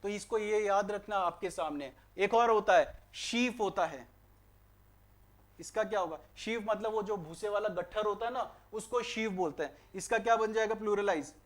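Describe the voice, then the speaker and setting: A high-pitched young male teacher with an Indian accent runs an online exam-prep grammar class. He keeps asking his students questions and then answers them himself, sliding English phrases into his explanations. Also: normal speed.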